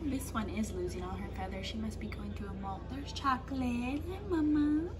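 A young woman talks casually into a phone held at arm's length, chatting to the camera and to her chickens. Her voice sits a little high. Clucking hens and yard noise come through clearly behind her. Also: normal speed. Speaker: homestead vlogger. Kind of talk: casual vlog chat. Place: backyard chicken run outdoors and home kitchen. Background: chickens clucking and roosters crowing.

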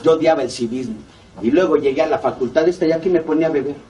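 A middle-aged man with a Mexico City accent tells his recovery story bluntly, swearing freely and playing out both sides of old conversations. His voice sits a little high for a man. He is picked up from some distance, with faint noise in the background. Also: very fast, warm tone. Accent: Mexico City Spanish. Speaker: AA member giving a testimony. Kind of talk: recovery meeting testimony.

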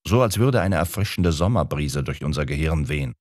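A man voicing a booming, pompous older male professor who lectures condescendingly in an audiobook. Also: expressive, fairly quick, darkish tone, husky, no echo, studio quality, heavily acted. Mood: grandiose. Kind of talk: audiobook character reading.

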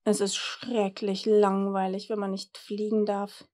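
A woman voicing a big, bored male dragon in a read-aloud children's story, speaking slowly and low. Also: flat delivery, mellow, natural voice. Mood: weary. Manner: slow, low and patient.

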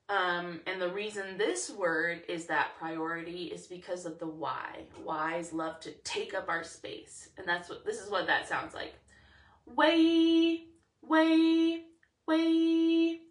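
A woman's voice: fairly low pitch, pushed and bright, recorded from a distance. A woman teaching a singing lesson, explaining each step and singing the lines to demonstrate. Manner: explains slowly, then demonstrates sung lines. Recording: roomy, from the mic, with ukulele.

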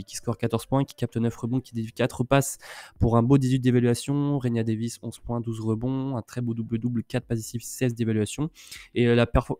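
A man's voice: medium pitch, warm tone, clean tone, dry recording, studio quality. A man co-hosting a casual streamed sports talk show, recapping games with lots of fillers and restarts as he reels off stats. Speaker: co-host of a women's basketball talk show.

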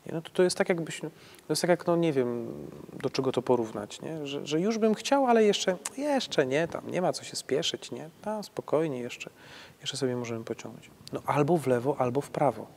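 A priest answers questions about faith in a conversational way. His medium-pitched voice is creaky and darkish, with slight background noise, and he keeps restarting his sentences haltingly, often closing them with the tag "nie?"

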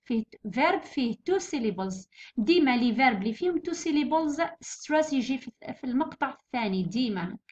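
Algerian lady teacher going over exam stuff, pretty high voice, kinda muffled lo-fi audio. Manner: explains patiently, repeats words slowly and clearly. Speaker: English teacher. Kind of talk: exam revision lesson. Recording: dull lo-fi recording.

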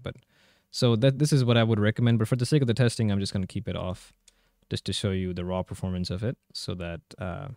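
Low-voiced man, dry close recording. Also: gravelly, darkish tone, no echo. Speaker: host of a handheld gaming tech channel. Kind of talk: casual gameplay commentary and tutorial.

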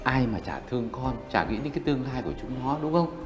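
A man's voice: mid-range voice, lively intonation, fast talker, lightly acted. An actor playing a worried older grandfather, who stammers and repeats words when he gets flustered. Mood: pondering. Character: worried, fretful older family man. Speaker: grandfather in a TV drama. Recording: roomy set with music behind.

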